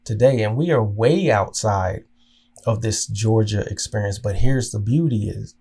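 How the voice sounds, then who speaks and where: A man's voice: on the low side, unhurried, gravelly, dark tone, a little hiss or hum. A man from Oklahoma hosting a podcast, telling a personal story in an earnest, emotional way, often restarting and repeating words as he goes. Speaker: podcast host.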